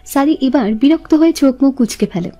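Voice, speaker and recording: Mellow woman narrating a love story. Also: sits high, animated, brisk, soft background music. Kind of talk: scripted romance narration.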